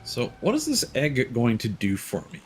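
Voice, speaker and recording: At normal speed and medium pitch, a man whose pitch swoops wildly streams a video game, delivering rambling, offhand commentary with many fillers and casual swearing. There's slight background noise, along with the game's guitar soundtrack music.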